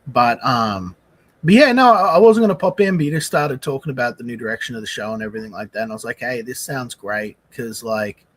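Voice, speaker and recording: A man's voice: medium pitch, lively intonation, brisk. A man chatting casually as a guest on a live show, rambling with lots of "like" and some swearing. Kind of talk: casual chat. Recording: faint background noise, room ambience.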